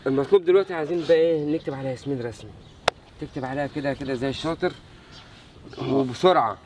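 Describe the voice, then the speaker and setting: An actor playing a pushy, teasing brother-in-law, speaking with an Egyptian accent. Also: male voice, mid-range voice, racing, background noise, lightly acted. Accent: Egyptian Arabic. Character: scheming brother-in-law who bullies a suitor.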